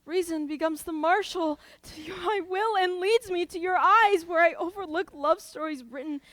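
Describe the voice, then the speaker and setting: A woman's voice: moderate pace, a bit bright, no echo. Lysander, eager young lover, played by a woman. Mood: teasing. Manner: sweeping pitch swings, laughing through lines. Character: young male lover Lysander, ardent and playful. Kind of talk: school stage play. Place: school stage.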